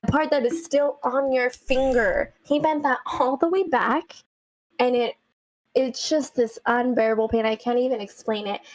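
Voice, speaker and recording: A woman's voice: high-pitched, moderate pace, no room sound, rough recording. Chatty young woman podcast host, dry sound. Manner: chatty, animated storyteller with many "like" fillers. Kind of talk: casual chat.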